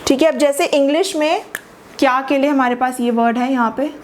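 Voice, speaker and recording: A woman teaching an English lesson, patiently explaining and slowing down to model stressed words. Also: high voice, slight background noise.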